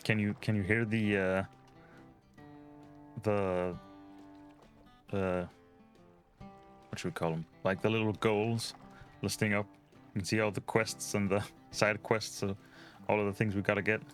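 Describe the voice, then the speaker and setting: A man's voice: lowish voice, flat delivery, a little slow, pauses often. A man giving casual, dry, rambling commentary while playing through a video game. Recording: game music behind.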